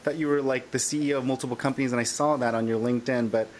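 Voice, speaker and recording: A man's voice: mid-range voice, steady tone, racing, a little hiss or hum. A man hosting a parenting podcast, chatting eagerly with his guest in a casual interview. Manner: enthusiastic, chatty with fillers. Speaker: podcast host.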